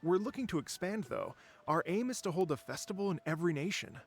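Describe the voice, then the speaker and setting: A gentle, gravelly traveling musician. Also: male voice, high-pitched, lively intonation, quick pace. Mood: storytelling. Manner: gentle, courteous, wistful. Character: wandering male musician, polite and dreamy. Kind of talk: video game dialogue.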